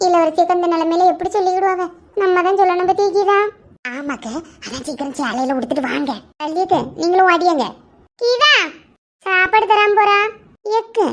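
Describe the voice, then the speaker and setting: A woman's voice: very high voice, fairly bright tone. A woman playing a chatty, teasing village woman. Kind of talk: village family drama acting.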